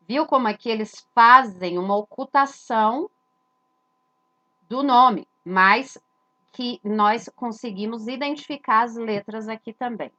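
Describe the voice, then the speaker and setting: A woman's voice: a little high, bright, forceful tone, highs cut off. A woman, giving an explanatory lesson that points at letters and poses rhetorical questions she answers herself. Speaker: religious teacher.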